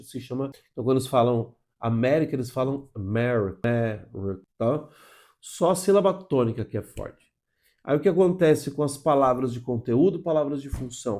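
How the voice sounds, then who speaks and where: A man's voice: mid-range voice, dark tone. A man from Brazil with a Brazilian Portuguese accent, teaching English pronunciation in an explanatory online lesson. He keeps checking in with short tags and asks and answers his own questions. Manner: didactic, checks in with frequent "tá?" and "ok?" tags.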